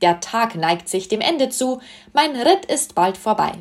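A woman voicing a cocky, cheerful young male sun god who talks loud and full of himself in a storybook reading. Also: on the high side, big pitch swings, measured pace, pitched above the performer's own voice. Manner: loud, showy, self-assured.

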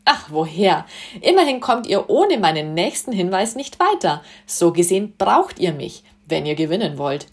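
Woman doing a loud, boastful young sun god, cheerful and cocky, storybook. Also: fairly low pitch, very animated, normal speed. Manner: loud, showy, self-assured.

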